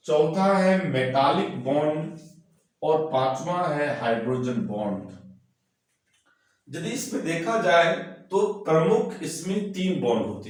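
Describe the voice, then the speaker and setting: A man teaching a recorded chemistry lecture, slightly hoarse from a cold, explaining slowly and repeating himself. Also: fairly high pitch. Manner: slow, repetitive explaining, mixing English terms. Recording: very echoey, far-off mic.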